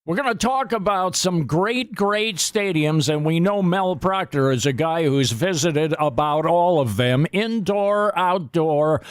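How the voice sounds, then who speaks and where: A male host leads an interview with affable, drawn-out questions. His voice sits a little high, and the sound is dry and close. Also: expressive, clean tone, no echo.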